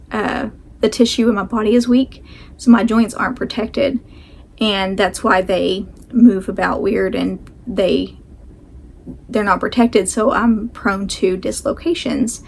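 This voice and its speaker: A woman's voice: mid-range voice, creaky. A woman chatting casually to camera as a vlog host, rambling and self-deprecating, talking with a sore jaw that slightly restricts her mouth.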